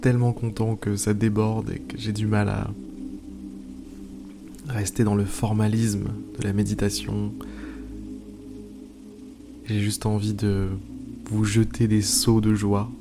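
A man hosting an improvised guided meditation, pausing often, repeating phrases and slipping into informal asides. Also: fairly low pitch, monotone. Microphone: speaking into a microphone. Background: music.

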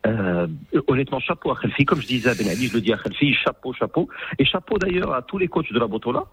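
A man's voice: medium pitch, lively intonation, quick pace, fairly bright tone, a little hiss or hum. A man giving football analysis on a radio show over the phone, emphatic and full of hesitations. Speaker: football pundit. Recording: tinny phone line.

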